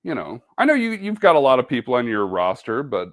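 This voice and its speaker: A man's voice: medium pitch, wildly swooping pitch, fairly quick, a bit bright. Guy doing a sewing livestream, goofy and self-deprecating, voice bounces all over. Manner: chatty, self-deprecating, hums and makes beep noises while working. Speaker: sewing ambassador. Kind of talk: live-stream sewing demo, casual chat.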